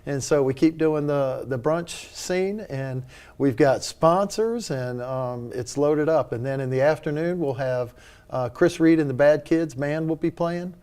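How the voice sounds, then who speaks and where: A man's voice: on the high side, a little slow, darkish tone. A man speaking as a charity leader and interview guest, informal and earnest. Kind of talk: casual spoken interview.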